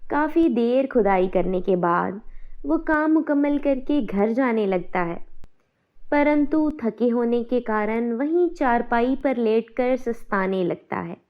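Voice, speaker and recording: Brief: storybook narrator, woman, high voice, dull muffled audio. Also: takes it slowly. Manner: even storytelling delivery.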